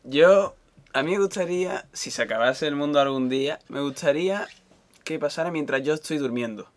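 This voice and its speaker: A man's voice: a little high, normal speed. A man chatting on a podcast, throwing in short joking remarks. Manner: brief quips, joking. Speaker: podcast co-host. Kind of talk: casual podcast chat.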